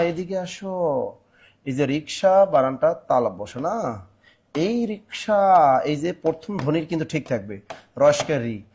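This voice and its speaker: Quick-joking grammar teacher, man. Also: fairly high pitch. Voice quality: sings snatches of songs in class. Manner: urges students to answer fast, jokes and complains between questions. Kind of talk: live online exam-prep class.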